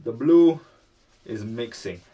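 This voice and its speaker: A man's voice: mid-range voice, expressive, takes it slowly, warm tone, recorded from a distance. A man vlogging casually while he paints, rambling and talking to himself.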